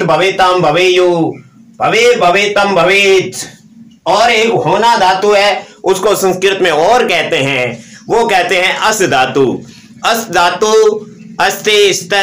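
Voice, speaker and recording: Male teacher, high voice, recites forms and quizzes himself; roomy echo. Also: a bit bright. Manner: drills verb forms aloud, asks and answers his own questions. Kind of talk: live online grammar lesson.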